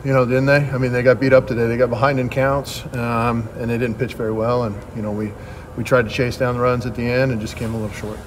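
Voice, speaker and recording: Fast-talking middle-aged baseball coach. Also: male voice, mid-range voice, flat delivery, a little hiss or hum. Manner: quick, plain-spoken answers with frequent restarts. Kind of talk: postgame press conference. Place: press backdrop at a ballpark.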